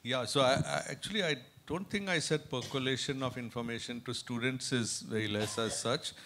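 A man, a physicist on a panel, answering in a measured, clarifying way. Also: medium pitch, a bit bright, slight background noise. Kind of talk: panel discussion answering questions.

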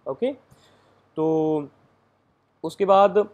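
Male tutor, casual lecture, mellow fairly high voice, halting explanations. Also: lo-fi sound. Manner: explains step by step, many fillers. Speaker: exam coaching teacher.

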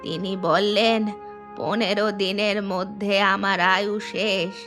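A woman gives cartoon voice to an aging, widowed mother-in-law who laments and scolds, sounding older and sorrowful. Her natural, medium-pitched voice is steady and slow, recorded in a studio with background music.

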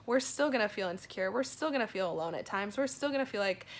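A woman's voice: mid-range voice, animated, fast talker. A young woman gives a casual motivational talk to camera in an earnest, emphatic, informal way. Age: young adult. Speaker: vlog host giving an encouragement message. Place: small indoor room at home. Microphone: phone at arm's length.

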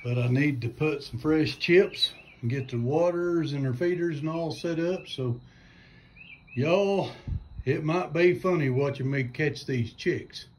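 A homesteading vlogger films himself on a phone held at arm's length, chatting folksy and casual in a how-to vlog around his farm's barn and backyard, saying "y'all." His voice sits fairly high, with a darkish tone and an unhurried pace.

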